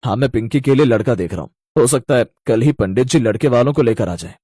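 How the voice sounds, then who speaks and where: A woman's voice: a bass voice, lively intonation, fast talker, dark tone, breathy edge, dry recording, clean studio sound, pitched below the performer's own voice, heavily acted. A woman voicing a worried young husband and elder brother in a cartoon story, talking in an exasperated, scolding way. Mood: fed up.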